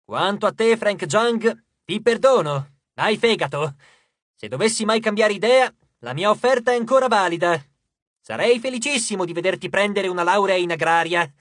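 A pompous divine farmer of myth, voiced by an audiobook narrator, booming and self-important. He declaims his grand pronouncements with theatrical impatience. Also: expressive, moderate pace, a bit bright, dry recording, clean studio sound, close to an everyday voice. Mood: exultant. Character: boastful male harvest god, theatrical and impatient. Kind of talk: audiobook character voice.

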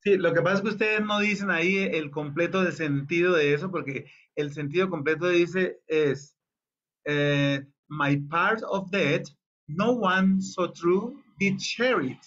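A man's voice: fairly bright tone, dull audio. A man directing a choir rehearsal, explaining the lyrics and singing phrases to demonstrate them. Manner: explains slowly, sings phrases in falsetto-high demonstrations.

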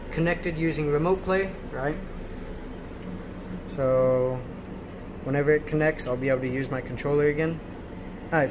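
Sitting at a laptop in a small indoor room, a mid-range-voiced man makes an improvised tutorial, hesitating and pausing for frequent check-ins. The handheld phone camera pointed at the screen picks up a noisy, steady hum.

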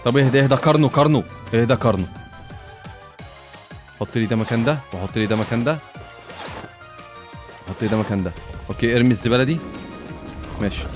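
A man with an Egyptian Arabic accent talks through a game in quick, excitable bursts, swearing and throwing in English phrases. His pitch sits in a middle register, and faint game music plays behind him. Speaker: gamer. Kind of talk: gaming commentary.

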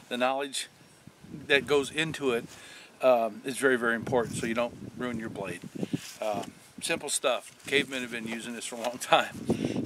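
Older man, bushcraft host, easygoing rambling talk, mid-pitched voice, outdoor camera mic, heavy wind noise. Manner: relaxed, rambling, many fillers and restarts. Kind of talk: casual outdoor tutorial. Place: outdoors in a snowy rural yard in winter.

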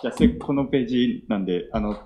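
A man in his late twenties with a Kansai accent, giving a polite self-introduction at a local meetup, often pausing on filler sounds. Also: mid-range voice, heavy background noise. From Nara, Japan. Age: 20s. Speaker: young entrepreneur presenter. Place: event hall with audience.

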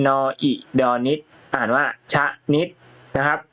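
A male schoolteacher reads a lesson aloud at a very slow, patient pace, breaking words into letters and sounds. His voice is bright and clear in tone, and he often asks children to repeat after him. The recording sounds dull and a bit muffled. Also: medium pitch, fairly even intonation. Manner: slow, drawn-out reading, spells syllables letter by letter; ends phrases with polite particles, coaxing pupils to repeat. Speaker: primary school Thai reading teacher. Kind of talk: reading lesson, word-by-word read-aloud with spelling.

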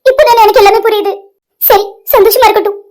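A woman's voice: very high voice, steady tone, a little mellow. A woman voicing a heartbroken young woman betrayed by her lover, tearful and pleading. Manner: tearful, pleading, slow when grieving. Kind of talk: amateur cartoon voice acting.

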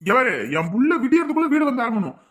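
Casting note: quick, bright, slightly high woman with a Kanyakumari Tamil accent, scolding cartoon villagers. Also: big pitch swings.

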